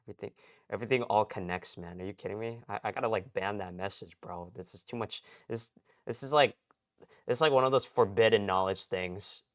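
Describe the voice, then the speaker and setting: A man's voice: fairly low pitch, a little fast, fairly bright tone. A man chatting on a late-night live stream, rambling in slang and often cutting himself off mid-sentence. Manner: rambling, slangy, self-interrupting.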